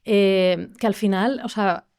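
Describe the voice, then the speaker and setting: A woman's voice: medium pitch, steady tone, slow, a little mellow, clean tone. A young woman from Spain in a reflective panel conversation, often restarting her sentences and checking in with "¿no?". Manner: reflective, many restarts and tag questions. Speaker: podcast co-host.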